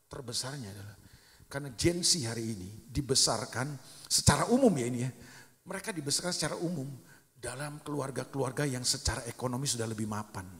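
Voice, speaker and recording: A middle-aged man preaching a sermon as pastor, telling lively stories with acted-out quotes. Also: on the high side, vocal fry. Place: church sanctuary. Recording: long hall reverb.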